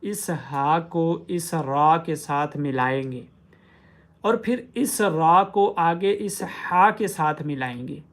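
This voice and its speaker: A man's voice: on the high side, fairly bright tone. A man teaching Quran pronunciation, explaining patiently and drawing out recited words syllable by syllable. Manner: drawn-out, syllable-by-syllable recitation of examples. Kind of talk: tajweed pronunciation lesson.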